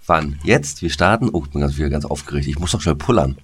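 A man's voice: a bass voice, expressive, quick pace, husky. A man co-hosting a podcast in casual, joking chat, with many restarts and fillers, recorded remotely from home. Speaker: podcast co-host. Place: home, recording remotely over a video call.

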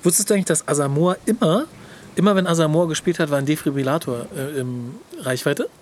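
A young man co-hosting a podcast in casual chat, telling stories in an animated, slangy way and laughing often. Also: on the high side, quick pace, slight background noise. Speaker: podcast co-host.

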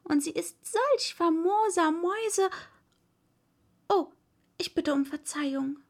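A woman's voice: extremely high pitch, lively intonation, takes it slowly, voice pushed up, exaggerated voice. A woman voicing a polite, curious little girl in a read-aloud story, eager and chatty, sometimes apologetic. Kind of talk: audiobook reading.

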